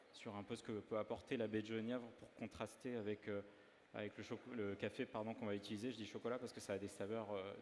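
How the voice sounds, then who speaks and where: A pastry chef from northern France talks through a dessert demo, hesitant and full of filler sounds. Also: male voice, on the low side, a little mellow. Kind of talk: live demo interview. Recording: reverberant hall, faint ambient noise.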